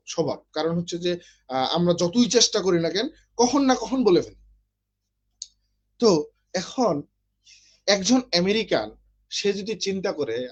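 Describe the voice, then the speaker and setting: Bangladeshi guy teaching a class online, explains slow and keeps asking the students if they get it. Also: sits high. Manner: explanatory, asks students questions often. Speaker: literature teacher.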